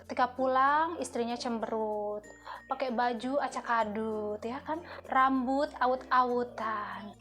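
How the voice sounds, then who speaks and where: A woman's voice: on the high side, a little slow, fairly bright tone, faint music behind. A woman hosting a casual advice talk for wives, chatty and often checking in with her listeners. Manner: chatty, keeps tagging "ya kan?". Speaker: host giving marriage advice to wives.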